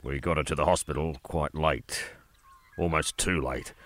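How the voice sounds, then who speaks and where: A man voicing a calm, knowing old male farm dog in a storybook. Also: moderate pace. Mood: sober, reassuring. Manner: calm, reassuring, low-key.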